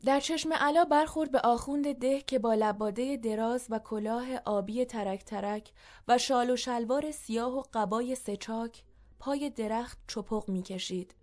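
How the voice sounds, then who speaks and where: A woman reads a story aloud as narrator. Her pacing is measured and even. Her voice sits a touch higher than most.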